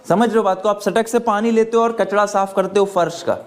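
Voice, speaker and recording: Guy teaching a class, pretty high voice, keeps asking questions then answering them himself. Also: steady tone, fairly quick. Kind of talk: classroom lecture.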